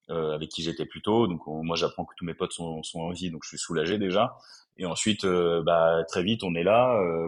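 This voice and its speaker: Guy, really low voice, keeps restarting with lots of euhs. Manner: halting, many fillers and restarts. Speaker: podcast guest. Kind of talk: conversational storytelling.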